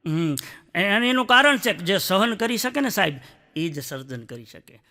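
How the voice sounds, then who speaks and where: Bright-voiced comedian man. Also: sits high, big pitch swings, normal speed. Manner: chatty, acts out dialogues of wife and others. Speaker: stand-up comedian. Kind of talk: stand-up comedy storytelling.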